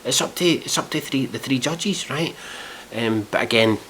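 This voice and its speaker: A man's voice: medium pitch, normal speed, a bit bright, a little hiss or hum. A man ranting in a casual review video, exasperated and swearing a lot. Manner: exasperated, heavily profane, mock-outraged.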